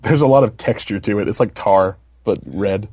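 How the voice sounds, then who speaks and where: Low, mellow young man rambling casually. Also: moderate pace, slightly rough, dry recording. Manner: rambling, filler-heavy, laughs often. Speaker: podcast co-host. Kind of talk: casual chat.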